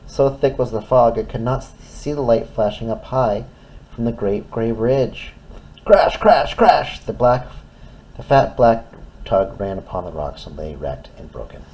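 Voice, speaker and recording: A man's voice: on the low side, normal speed, warm tone, low-quality recording. A man reading a children's story aloud expressively, in simple phrases as if to a toddler. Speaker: storytime reader.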